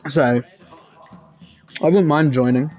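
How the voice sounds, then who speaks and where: This man's voice sits fairly high, with a darkish tone and a slow pace. He chats casually during a game livestream, wandering from topic to topic as he reads out messages from chat, captured on a slightly dull lo-fi mic with game music faintly audible.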